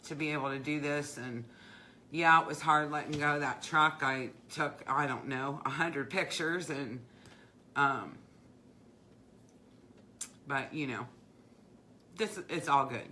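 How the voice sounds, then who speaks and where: A middle-aged woman with a low, bright voice talks casually on a craft livestream. She rambles in a heartfelt way, full of fillers and restarts, with faint noise behind her. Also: slow pace, pauses often. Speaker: craft business owner, livestream host. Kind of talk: casual live-stream chat.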